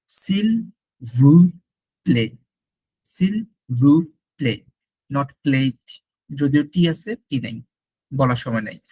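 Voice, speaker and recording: A man teaching a French class in Bengali mixed with English, repeating each French word slowly. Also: medium pitch, husky, dry recording, rough recording. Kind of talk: classroom lesson.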